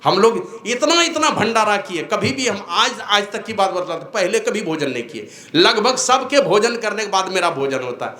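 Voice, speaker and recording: Delivering a devotional discourse, an older spiritual teacher alternates between raised exhortation and slow, low asides. His pitch swings widely, his voice sounds pushed and bright, and the sound is roomy.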